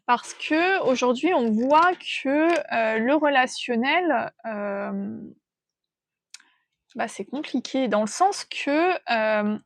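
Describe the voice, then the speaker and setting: Gentle, hesitant tarot-reading woman. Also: on the high side, lively intonation, dry recording. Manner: hesitant, gentle, pauses to sense the cards. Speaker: tarot reader. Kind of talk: intuitive tarot reading, thinking aloud.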